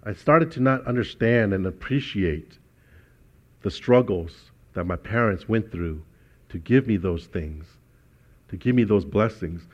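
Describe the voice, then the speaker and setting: A man's voice: on the low side, lively intonation, measured pace, dull audio. A man preaching a sermon as pastor, telling personal stories in a conversational way with frequent restarts.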